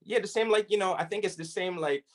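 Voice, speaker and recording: Fast and high-pitched, a guest on a laid-back interview talks casually, dropping slang and a few Arabic phrases. He's a hip hop artist whose upbringing spanned the Philippines, Saudi Arabia and Syria.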